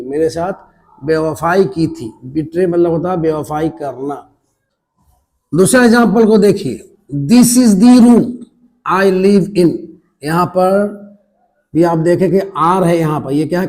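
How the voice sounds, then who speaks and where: A man with an Indian accent, teaching English pronunciation to his students in a classroom style, spelling words out and repeating them deliberately. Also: fairly high pitch, warm tone. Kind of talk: slow classroom pronunciation lesson.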